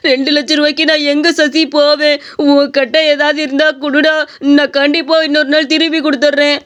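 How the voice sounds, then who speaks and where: A desperate young man, played by a woman in a cartoon story. He pleads in a high voice with an altered, tearful timbre. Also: flat delivery, a little fast, a bit bright. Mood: pleading. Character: desperate young man begging his friend for money. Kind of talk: animated story voice acting.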